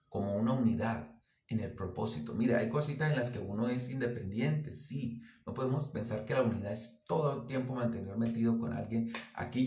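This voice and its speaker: Male pastor, mid-pitched, earnest exhorting sermon, echoey church room. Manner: earnest, exhorting, with lively anecdotes.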